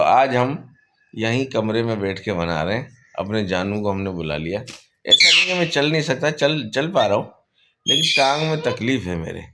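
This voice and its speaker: A man's voice: lowish voice, fairly bright tone. A man making a casual home vlog, talking to viewers and scolding his pet bird in a playful voice. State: injured leg. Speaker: vlogger. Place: a room at home. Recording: noisy home recording with bird squawks.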